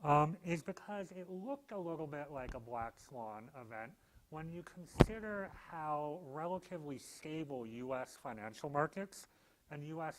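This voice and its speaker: A man's voice: a little high, rough recording. A male law professor giving a public lecture with dry, self-deprecating humor and frequent "um" and "uh" fillers.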